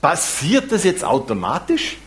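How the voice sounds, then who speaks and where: Animated man preaching. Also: a little high, measured pace. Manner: lively preaching with self-deprecating humor. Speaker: pastor. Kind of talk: sermon.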